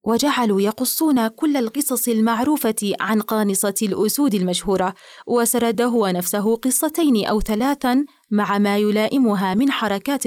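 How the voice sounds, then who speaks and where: A woman narrates a novel in an even, measured reading. Her voice sits in a middle pitch. The recording is close and dry. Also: dry recording. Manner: measured, storytelling. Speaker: audiobook narrator. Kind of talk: scripted literary narration.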